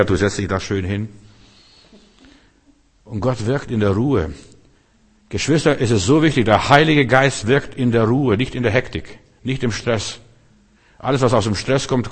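A man's voice: mid-range voice, in a large hall. Emphatic male preacher. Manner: emphatic, repetitive, addresses listeners directly. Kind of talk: sermon.

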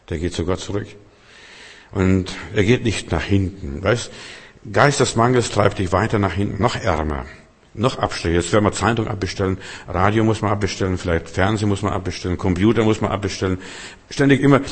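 A man with a fairly low voice preaches with emphatic, insistent delivery, addressing the listener head-on in short repeated phrases. His words ring out with a long reverb tail, as in a large hall or church. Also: husky. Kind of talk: sermon.

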